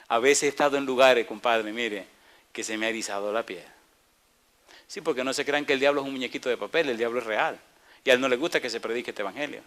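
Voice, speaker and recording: A man's voice: medium pitch, fairly bright tone. A man preaching a sermon, acting out biblical dialogue and asking the congregation questions. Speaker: pastor.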